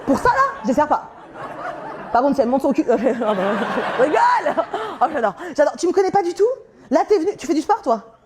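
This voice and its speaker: A woman's voice: high voice, lively intonation, moderate pace. A woman stand-up comedian doing teasing, laughing crowd work with her audience on stage. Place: comedy venue with a live audience. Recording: echoey live room, audience noise.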